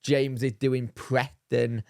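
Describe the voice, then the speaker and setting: Hoarse man in his thirties. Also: mid-range voice, level tone, slow pace, a little mellow, no echo, studio quality. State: hoarse from recent illness. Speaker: podcast co-host. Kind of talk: casual football podcast chat.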